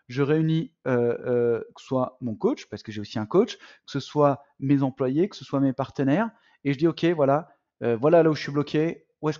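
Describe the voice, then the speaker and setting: In a muffled recording, a man with a voice on the high side coaches would-be entrepreneurs during a live online masterclass. He's animated, treats the audience as friends with "les amis," and fills his speech with fillers and restarts.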